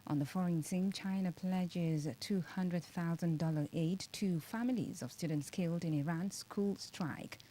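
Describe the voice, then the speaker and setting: A woman with a Nigerian accent reading a scripted radio news bulletin in a formal, deliberate manner. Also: on the low side, mellow, poor audio. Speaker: radio newsreader.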